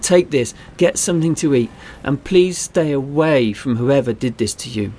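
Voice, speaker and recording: A man's voice: mid-range voice, normal speed, mellow, a little hiss or hum, pitched above the performer's own voice, lightly acted. A man voicing a caring young woman traveler who speaks in a raised, concerned voice. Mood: kind.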